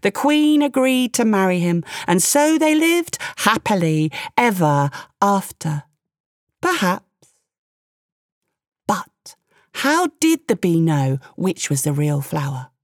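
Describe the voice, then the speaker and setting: Expressive woman telling a story. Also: mid-range voice, takes it slowly, no room sound, clean studio sound. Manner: expressive, with playful asides. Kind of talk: storytelling narration.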